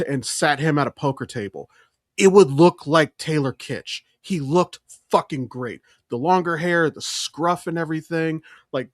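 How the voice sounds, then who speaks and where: On a podcast, this co-host shares blunt, emphatic film opinions peppered with profanity in a casual, chatty way. His voice sits on the high side. The recording is studio quality, without any room sound.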